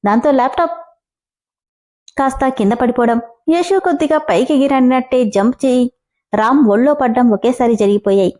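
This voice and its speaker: A woman's voice: high voice, brisk, long pauses, mellow. A woman hosting a story channel who reads a serialized story aloud and addresses her listeners in a friendly way.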